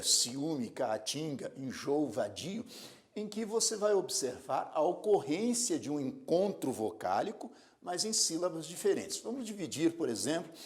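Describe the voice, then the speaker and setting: A man teaching a grammar lesson, spelling words out syllable by syllable and telling students to observe. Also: fairly high pitch. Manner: addresses students directly with repeated prompts to observe. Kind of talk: recorded video lesson.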